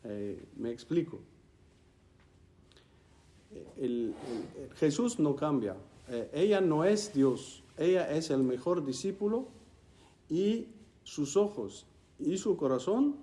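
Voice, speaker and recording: A man giving an emphatic teaching talk to a group, animated and repeating key words. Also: on the high side, slow pace, long pauses. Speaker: speaker teaching on faith. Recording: roomy hall, distant mic, faint hum.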